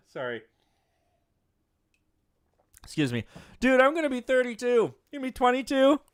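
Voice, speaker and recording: A man's voice: very high voice, very animated, measured pace, smooth, no echo, studio quality. A man in his twenties hosting a live movie show, chatting casually as he reads viewer comments and often laughing at his own jokes. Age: 20s.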